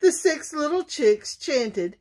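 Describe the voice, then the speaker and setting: A woman reading a children's bedtime story aloud, slowly and expressively. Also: medium pitch, animated, a little mellow.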